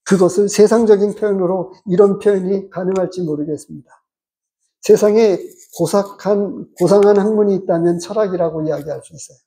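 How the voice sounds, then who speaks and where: A pastor giving a measured, explanatory sermon and asking the congregation rhetorical questions. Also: medium pitch, warm tone.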